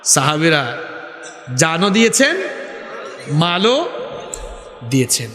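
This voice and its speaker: A man with a Sylheti Bengali accent preaches with fire, throwing questions at his listeners and rising to shouts. His voice sits a little high for a man. It booms back from an echoey space with a long, lingering reverb. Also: very animated, slow pace. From Sylhet, Bangladesh. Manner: rousing, calls out questions to the crowd, shouts at peaks. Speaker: Islamic preacher. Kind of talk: Bengali waz sermon.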